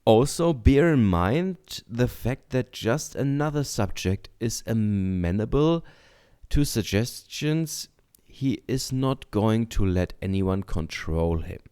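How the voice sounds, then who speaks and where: A man reading a book aloud in a deliberate, measured way, adding short comments as a teacher. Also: fairly low pitch, lively intonation, warm tone, clean tone. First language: German.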